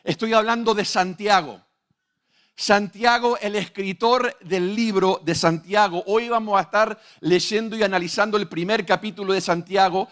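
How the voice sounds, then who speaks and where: Young man, high voice, preacher, sermon, emphatic, rhetorical questions. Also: fairly even intonation, moderate pace, fairly bright tone.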